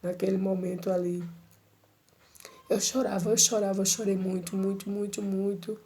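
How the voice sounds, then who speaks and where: A woman's voice: medium pitch, little pitch movement, normal speed, mellow. A middle-aged woman giving an emotional personal church testimony, repeating herself and addressing listeners tenderly.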